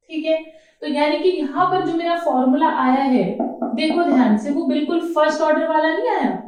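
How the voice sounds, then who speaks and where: A woman with a fairly high voice gives a chemistry lecture. She coaxes her students along and keeps checking that they follow. The sound is very echoey, picked up from well away from the mic. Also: a little mellow. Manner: coaxing, checks understanding, calls students "beta". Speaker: chemistry teacher. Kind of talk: classroom lecture. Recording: very echoey room, mic far off.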